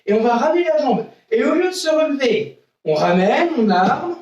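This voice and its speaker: A man's voice: very high-pitched, sing-song, normal speed, a little mellow, far from the mic, highs cut off. A male karate instructor leads a live online class, barking short counts and commands between patient step-by-step explanations. His voice is heard from some way off the mic. It echoes around a roomy indoor training space.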